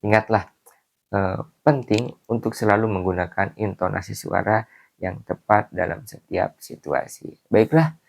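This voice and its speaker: A male teacher giving a calm video lesson to schoolchildren, explaining step by step with frequent fillers. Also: fairly low pitch, measured pace, vocal fry. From Indonesia.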